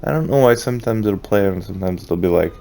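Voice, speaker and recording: A man's voice: fairly low pitch, fast, vocal fry, mellow, a little hiss or hum. A man giving casual let's play commentary on a horror game, swearing offhandedly and reading game notes aloud in a mock-dramatic voice. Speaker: gamer playing a horror game.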